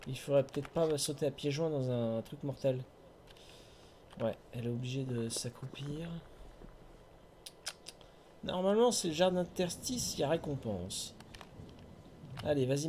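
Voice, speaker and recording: A man's voice: fairly high pitch, moderate pace, long pauses, warm tone, a little hiss or hum. A man giving casual running commentary while playing a video game, chatting with viewers and humming to himself. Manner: chatty, talks to himself and chat, hums tunes.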